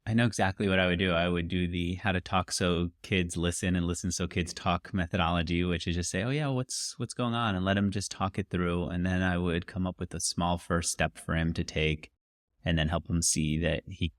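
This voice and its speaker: A man's voice: low voice, level tone, a little fast, dry recording, clean studio sound. A middle-aged man and podcast co-host talking reflectively and a little self-consciously about himself. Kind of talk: candid conversation.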